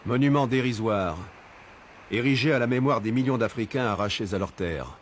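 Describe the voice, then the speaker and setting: A man giving solemn, measured scripted documentary narration. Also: medium pitch, expressive, slight background noise.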